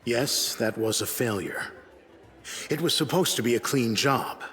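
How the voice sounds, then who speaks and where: A male actor voices a proud, cool-headed hired assassin from a fantasy video game, speaking formally with measured condescension in a deep, dignified voice. His delivery is expressive and fairly bright, colored by wounded pride, in a big-room sound with soft background music.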